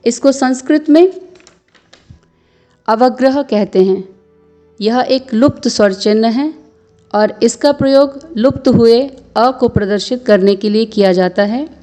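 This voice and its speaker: A woman teaching Sanskrit verse recitation, patiently chanting each line slowly and then explaining pronunciation. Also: on the high side, warm tone, soft background music. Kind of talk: slow instructional recitation.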